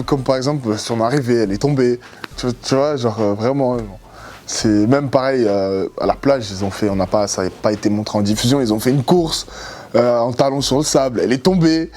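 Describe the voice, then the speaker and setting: A young man from Cameroon, a former reality show contestant, answering interview questions in a relaxed, rambling way with many fillers and repeated words. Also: medium pitch, slight background noise.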